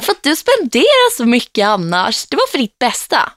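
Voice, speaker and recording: A woman voicing her own mother as a breezy, unbothered figure who speaks in a high, offhand way. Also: huge pitch swings, fairly bright tone, no room sound, clean studio sound, heavily acted.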